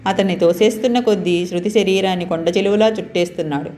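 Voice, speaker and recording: A woman reading a story aloud in a calm, steady manner, as a storyteller. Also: lowish voice, fast, slight background noise.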